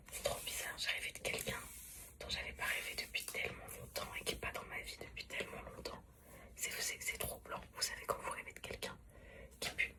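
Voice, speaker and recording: A woman whispers a hushed morning vlog at home, rambling and confiding to her followers. Her voice is breathy and soft, with almost no tone behind it. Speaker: lifestyle vlogger.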